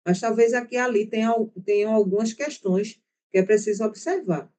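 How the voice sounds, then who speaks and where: A woman's voice: a little high, brisk, warm tone. Chatty woman teacher with a Brazilian accent. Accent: Brazilian Portuguese. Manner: chatty, explains at length with frequent "né?" and "tá?". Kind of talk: online class lecture.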